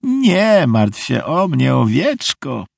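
A man's voice: medium pitch, wildly swooping pitch, slow pace, creaky, no room sound, clean studio sound, pitched above the performer's own voice, exaggerated voice. A man doing a merry eccentric old woman. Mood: cheerful. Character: eccentric cheerful old woman, odd stranger, not human. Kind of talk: audiobook character voice.

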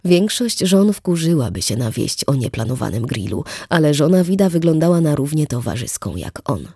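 Audiobook narrator, expressive reading, gravelly and husky, dry close sound. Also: normal speed, dry recording. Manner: expressive reading with lively shifts of pitch. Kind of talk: scripted narration.

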